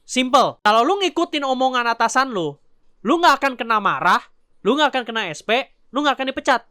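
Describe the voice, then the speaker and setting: A woman vlogger rants in Jakarta slang, swearing freely and scolding her audience. Her voice sits a little high for a woman. The recording is dry, with no room sound. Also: lively intonation, fairly quick, sharp tone, no room sound. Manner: blunt, profane, scolding. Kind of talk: ranting commentary.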